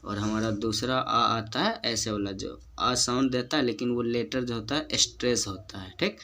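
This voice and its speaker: A man's voice: mid-range voice, moderate pace, bright, forceful tone. A man with a Hindi accent teaching English phonetics, repeating example words and checking in with his students. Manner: repeats each example word and checks in with "ठीक ना". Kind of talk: whiteboard lesson explaining rules.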